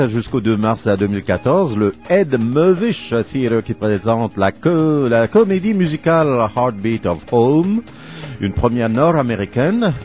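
A man's voice: mid-range voice, a little mellow. A man hosting a radio show in a studio, playful and theatrical, who repeats his own words for effect and laughs often. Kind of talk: lively community radio hosting.

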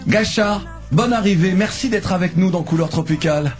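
A man's voice: high voice, normal speed. A man hosting a radio music interview, phrasing his questions with frequent hesitations. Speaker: radio host.

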